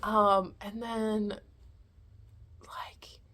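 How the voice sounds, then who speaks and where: Woman, film reviewer, medium pitch, casual unscripted talk, hesitant, rambling, thinking out loud. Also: little pitch movement, extremely slow, noisy background.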